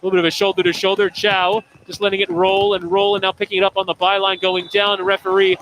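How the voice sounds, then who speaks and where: A man calling a live soccer match play by play, describing the action in quick, steady commentary. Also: high-pitched, slight background noise, poor audio. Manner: rapid descriptive calls, laughs easily.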